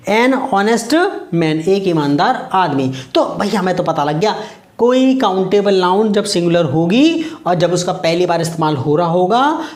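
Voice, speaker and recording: A man's voice: sits high, roomy sound. A man teaching English grammar in Hindi, mixing in English words and acting out little everyday scenes. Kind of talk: Hindi-language grammar lesson.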